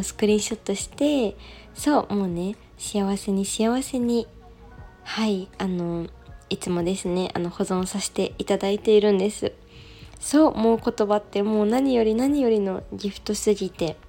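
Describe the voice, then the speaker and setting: A young woman hosting a casual solo radio talk, reading listener messages in a soft, gentle way with delighted thanks. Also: medium pitch. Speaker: radio show host.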